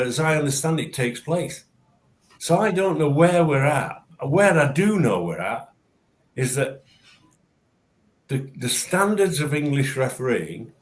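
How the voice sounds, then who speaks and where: A man hosting a casual chat as a former referee, speaking emphatically and repeating words as he starts sentences, over a video call. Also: on the high side. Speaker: show host and former referee.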